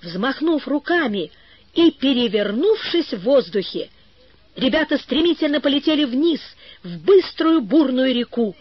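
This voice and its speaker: A woman narrating an adventure story as an audiobook, in a measured storytelling manner. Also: sits high, expressive, no echo, lo-fi sound. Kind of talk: audiobook reading.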